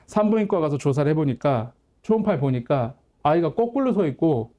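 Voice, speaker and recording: Candid Korean pastor telling a family story. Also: male voice, fairly high pitch, mellow. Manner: candid, conversational storytelling with quoted dialogue. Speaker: pastor and counselor. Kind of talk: storytelling sermon.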